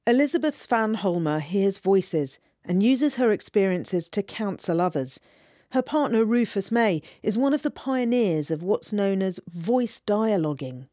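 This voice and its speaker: A woman reporter giving scripted documentary narration in a measured, storytelling manner. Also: mid-range voice, animated, mellow, no echo, studio quality.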